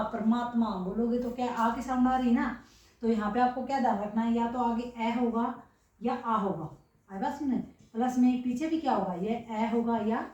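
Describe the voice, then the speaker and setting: A woman teacher explains a grammar rule step by step and keeps asking her class whether they follow. Her voice sits a little high but mellow. It comes from some distance in a very echoey room. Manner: repeats rhetorical questions, checks understanding often.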